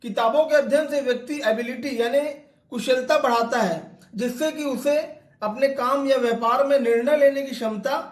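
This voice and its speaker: High-pitched man lecturing, echoey room. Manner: reads English quotations slowly, then explains them in Hindi. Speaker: English literature teacher. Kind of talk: line-by-line lecture explanation.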